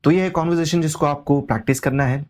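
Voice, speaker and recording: A man teaching a language lesson, translating each word and repeating its meaning in a steady, explanatory way. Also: fairly high pitch. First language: Urdu. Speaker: Arabic teacher. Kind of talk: explaining vocabulary line by line.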